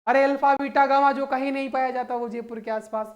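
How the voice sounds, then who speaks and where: A man's voice: very high voice, steady tone, fairly quick, dull audio. A man coaching students for exams, teaching through playful mnemonic stories and rhetorical questions, often calling his listeners brother and friends. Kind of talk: energetic exam-prep lesson.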